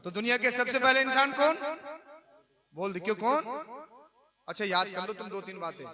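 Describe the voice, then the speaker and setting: Male Urdu preacher from western Uttar Pradesh, high and very bright voice, live call-and-response sermon on a PA mic. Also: normal speed. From India. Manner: rhetorical questions, rising to emphatic declaiming, folksy humour. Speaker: Islamic preacher. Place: religious gathering with a congregation. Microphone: microphone through a sound system.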